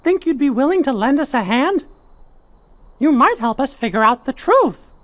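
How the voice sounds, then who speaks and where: Tiny cartoon mouse hero, high falsetto, animated intonation, earnest, kindly, game dialogue. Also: male voice, normal speed, heavily acted. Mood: earnest, gentle. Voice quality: falsetto, squeaky.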